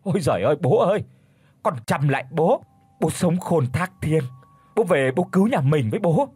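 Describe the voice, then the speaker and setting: Brief: panicked older villager in an audio tale, wailing pleas, husky and raised, voiced by a man. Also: on the high side, lively intonation, moderate pace, darkish tone, no echo, voice pushed up. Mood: pleading. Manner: wailing, pleading. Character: terrified older village man begging his dead father.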